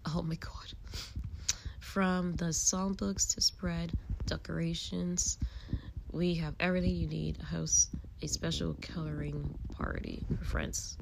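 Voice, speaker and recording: A woman hosts a casual podcast, reading articles aloud at a slow pace in a gravelly, often half-whispered voice. She wanders and pauses to react as she goes. Clear background noise runs under her voice. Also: on the low side. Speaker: podcast host.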